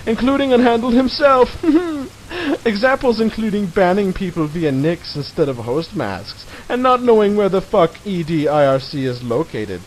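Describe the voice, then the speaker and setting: Theatrical, higher-pitched man reading over clear hiss. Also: darkish tone. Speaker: narrator. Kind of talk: mock-dramatic reading of a satirical article. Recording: hissy, noisy home recording.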